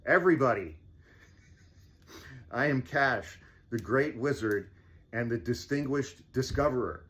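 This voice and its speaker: A man's voice: mid-range voice, measured pace, fairly bright tone, lightly acted. A man voicing an earnest, self-important wizard investigator in a theatrical, declaiming way, as part of fireside storytelling. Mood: proclaiming.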